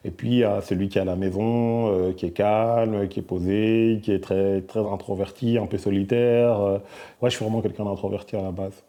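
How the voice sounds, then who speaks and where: A middle-aged man from Belgium speaks in a low, very dark and mellow voice. He answers questions softly and hesitantly, with frequent fillers and restarts. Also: fairly even intonation, a little fast. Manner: soft-spoken, hesitant with many fillers. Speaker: musician guest. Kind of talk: casual interview answers.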